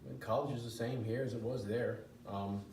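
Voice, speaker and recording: A man's voice: medium pitch, steady tone, moderate pace, darkish tone, recorded from a distance. A middle-aged man being interviewed, telling his life story casually, rambling with frequent restarts. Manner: rambling, restarts often, chuckles now and then. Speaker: interview guest. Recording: echoey room with background noise.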